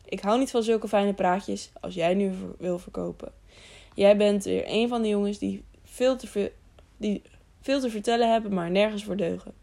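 A woman's voice: medium pitch, steady tone, normal speed, vocal fry, dark tone. A woman reading a blustering burly man. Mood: scornful. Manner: blustering, accusing. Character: hot-headed burly man, angry horse owner. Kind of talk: audiobook character reading.

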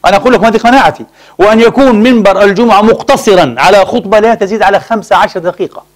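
A man's voice: high voice, rapid-fire. A man preaching a Friday sermon, emphatic, firing off rhetorical questions and repeating phrases as he addresses the congregation as brothers.

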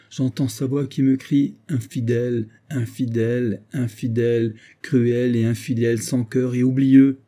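Voicing a tormented young widower haunted by his late wife, this man uses a warm tone close to his everyday voice. His delivery is pleading and emotional, climbing in pitch.

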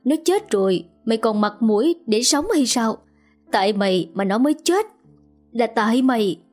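A woman's voice: on the high side, animated, normal speed, a little mellow, soft background music. A woman voicing a grieving, furious mother who screams curses at her daughter. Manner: shrieking, cursing, sobbing.

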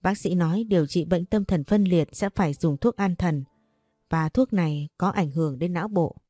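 A woman reading a story aloud in a calm, even scripted narration. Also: fairly low pitch, normal speed, no room sound, clean studio sound, soft background music.

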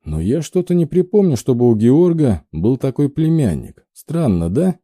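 Condescending young noble, voiced by the reader, slow drawl, husky tone. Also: male voice, mid-range voice, sing-song, warm tone, dry recording, clean studio sound, pitched above the performer's own voice. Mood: smug. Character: smug young aristocrat man, mocking.

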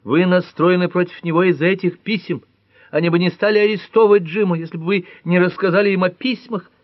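A man reading an audiobook, voicing a frightened young wife in a raised, shrill, pleading tone. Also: expressive, normal speed, no echo, dull audio. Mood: hysterical. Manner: shrill, pleading, breaking into cries.

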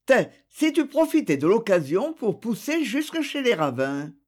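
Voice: medium pitch, big pitch swings, moderate pace, a little mellow, voice pushed up. A reader voicing a docile middle-aged father who coaxes and grumbles, in a French audiobook. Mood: coaxing. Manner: coaxing, grumbling.

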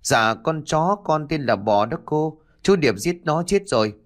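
A man's voice: animated, unhurried. A man voicing a stubborn, grieving young village girl, with a pleading, raised voice. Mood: angry, accusing. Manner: pleading, tearful, raised high voice.

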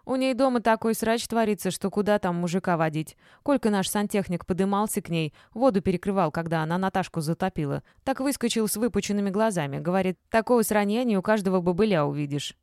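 A woman's voice: medium pitch, lively intonation, fast, hardly any pauses, a little mellow, no room sound, clean studio sound, close to an everyday voice. A woman reading an audiobook, voicing a nosy, scolding old woman who gossips about a neighbor. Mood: gossiping. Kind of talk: audiobook character voice.

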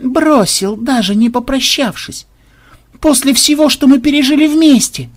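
A man doing a hot-headed, excitable programmer. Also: very high voice, takes it slowly, breathy edge, voice pushed up, exaggerated voice. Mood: mock-mournful. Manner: shouting, excitable. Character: stubborn hot-headed male programmer gamer.

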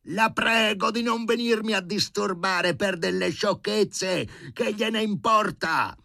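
A man's voice: sits high, slow pace, gravelly, dry recording, clean studio sound, pitched above the performer's own voice, exaggerated voice. A man voicing an irritable, exasperated older male professor in an audiobook reading. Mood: shouting. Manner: exasperated, growling and shouting.

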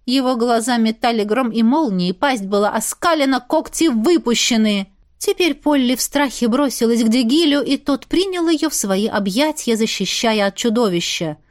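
Woman audiobook narrator, higher voice, dry close recording, expressive. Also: moderate pace, no room sound. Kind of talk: first-person audiobook narration.

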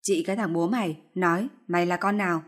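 A woman's voice: lowish voice, fairly even intonation, fast talker, lightly acted. A woman voicing a fierce older mother-in-law who scolds harshly in a storybook reading. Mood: furious scolding.

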